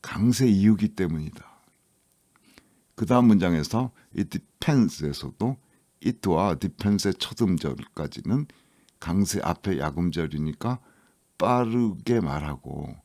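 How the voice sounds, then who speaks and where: A male lecturer teaches English listening at a slow, measured pace. He reads English example sentences aloud between his explanations. His voice is deep and dark and comes across dry and close. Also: no room sound. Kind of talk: scripted lecture narration.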